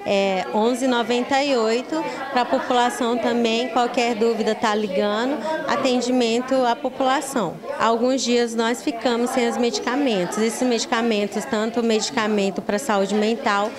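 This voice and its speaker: There's busy room chatter behind this interview answer from a middle-aged, Brazilian-accented woman who speaks for the municipal pharmacy staff. Her voice is a little high, her intonation fairly even, and she explains things at normal speed with hardly any pauses, sometimes repeating words. She is indoors in a small, busy pharmacy office, captured on a handheld reporter's microphone.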